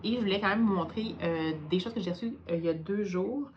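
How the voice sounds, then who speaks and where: A woman's voice: mid-range voice, quick pace, lo-fi sound, a little hiss or hum. A tired woman with a Quebec French accent chatting hesitantly at home in a casual book vlog, with many fillers. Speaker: book vlogger.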